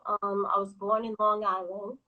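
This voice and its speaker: A woman, talking casually about her clothing brand on a phone call from her office, pausing often with ums. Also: medium pitch, a little hiss or hum. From New York. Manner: relaxed, hesitant, many ums. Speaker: guest, clothing brand owner. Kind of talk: casual interview on a live video call.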